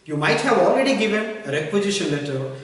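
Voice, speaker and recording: A man teaching an English vocabulary lesson, repeating each word several times and spelling it out slowly. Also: high-pitched, animated. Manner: repetitive, drills words slowly. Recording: very echoey hall, mic far off.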